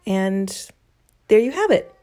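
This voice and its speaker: A woman's voice: mid-range voice, very animated, takes it slowly, dark tone. A woman blogger with a wry, self-deprecating manner, speaking her own blog post as a homemade audio recording under a blanket in her bedroom. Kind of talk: reading own blog post aloud, then informal remarks.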